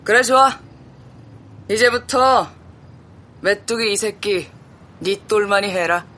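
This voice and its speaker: A woman's voice: mid-range voice, slow, sharp tone. A woman voicing a cold, bossy boy who leads a gang of kids, barking orders in an audiobook. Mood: commanding. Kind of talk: audiobook character voice.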